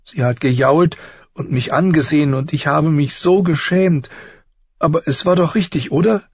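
A man's voice: moderate pace, slightly rough, no echo, muffled recording. A man voicing a sobbing fierce young girl. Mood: upset. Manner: high, pleading, sobbing. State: crying.

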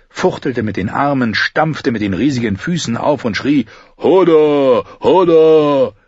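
A man narrating a fantasy audiobook in a steady, even storytelling manner. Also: lowish voice, breathy edge, no room sound, dull audio.

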